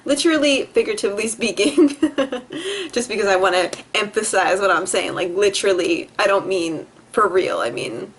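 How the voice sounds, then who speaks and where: Young woman from New Jersey, mid-pitched voice, scattered and profane vlog monologue to camera, faint background hiss. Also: animated, moderate pace. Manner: profane, scattered, laughs often, mimics herself in quotes. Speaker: vlogger. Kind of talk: rambling personal vlog monologue. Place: indoors at home. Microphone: camera facing the speaker.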